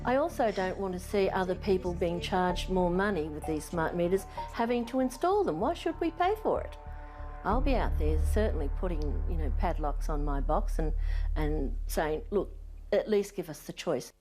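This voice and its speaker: A woman's voice: lowish voice, moderate pace. A woman in her sixties with an Australian accent, speaking plainly and with worry in an unscripted interview. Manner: worried, plain-spoken complaining. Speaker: retired nurse being interviewed. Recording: music under the voice.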